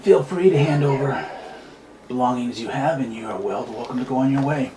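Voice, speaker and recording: A man's voice: mid-range voice, brisk, reverberant, background noise, lightly acted. A man voicing a menacing male roadside bandit who threatens with mock politeness.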